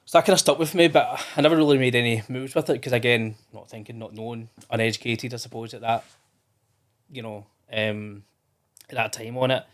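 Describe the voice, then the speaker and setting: A Scottish man in his thirties joins a podcast for a casual chat, talking briskly in a medium-pitched, steady voice. He wanders from point to point, restarting often and dropping in fillers.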